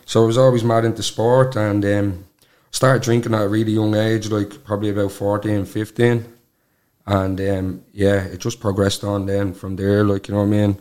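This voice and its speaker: A man's voice: lowish voice, level tone, normal speed, a little mellow. A man in his twenties with a Dublin Irish accent, talking candidly in a casual interview with colloquial filler phrases. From Dublin, Ireland. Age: 20s. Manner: colloquial, peppered with "like" and "you know what I mean". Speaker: podcast guest.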